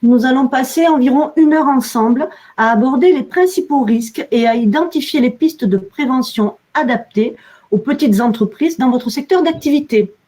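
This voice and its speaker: Webinar host, woman, southern French accent, high voice, measured delivery with fillers. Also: dark tone. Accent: southern French, Midi-Pyrénées. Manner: measured, with frequent "alors" and "euh". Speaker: webinar moderator, communications officer. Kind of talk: webinar introduction.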